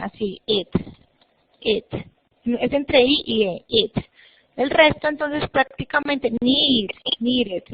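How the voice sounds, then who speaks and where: A woman with a fairly high voice leads an online English lesson, patiently walking students through each step and repeating words. The sound is dry and muffled, like a video call. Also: dry recording. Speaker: English teacher. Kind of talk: online class instruction.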